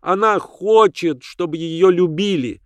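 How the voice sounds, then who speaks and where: A scruffy little girl of eight snaps back, shrill and stubborn, never giving an inch, as a male reader puts her on. The voice sits well above his own, bold and cheeky. The recording is dry and close. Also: a little slow, clear, resonant tone, no room sound. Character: defiant ragged girl of about eight. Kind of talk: audiobook character voice.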